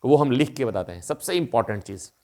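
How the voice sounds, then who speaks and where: A man's voice: medium pitch, lively intonation, fast talker, dark tone. Male English tutor, conversational and encouraging, mid-range voice. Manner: chatty, repeats a friendly term of address. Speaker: English teacher. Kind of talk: spoken English lesson.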